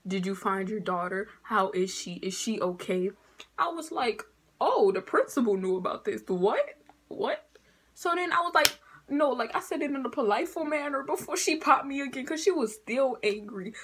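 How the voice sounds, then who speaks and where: Animated husky young woman telling a story. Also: fairly high pitch. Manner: animated, acts out quoted voices, swings between loud and hushed. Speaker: vlogger. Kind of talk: storytime vlog.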